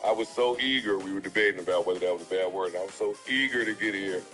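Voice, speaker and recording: Bright, effusive laughing man. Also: sits low, quick pace, faint music behind. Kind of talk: casual group banter.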